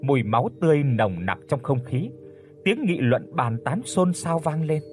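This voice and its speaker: Nam giọng đọc truyện ma, lên xuống giọng rất sinh động, kể đầy kịch tính, nhạc nền nhẹ. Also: male voice, a little high, moderate pace, faint music behind. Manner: dramatic, expressive storytelling. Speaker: narrator. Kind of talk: audiobook horror narration.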